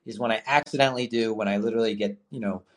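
A man's voice: lowish voice, fairly even intonation, racing. A man hosting a live call-in podcast with casual trading talk, who rambles with lots of fillers and restarts, swears casually and has the hiccups. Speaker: podcast host.

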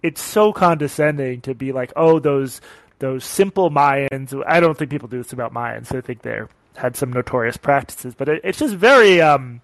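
A man's voice: mid-range voice, animated, a little fast, gravelly, few pauses, a bit bright, no room sound, low-quality recording. A male podcast host taking calls, talking casually and thoughtfully, often trailing off with fillers. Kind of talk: casual call-in chat.

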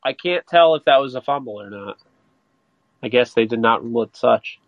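A man co-hosting a podcast, reacting to a live football game with quick, excitable remarks and frequent laughter. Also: mid-range voice, dry recording. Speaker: podcast co-host. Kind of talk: casual live game commentary. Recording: dry, dull lo-fi sound.

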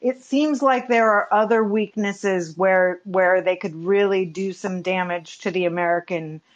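A woman's voice: fairly low pitch, highs cut off. A woman calling in to a podcast, asking her question in a hesitant, rambling way. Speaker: caller. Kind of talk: call-in question.

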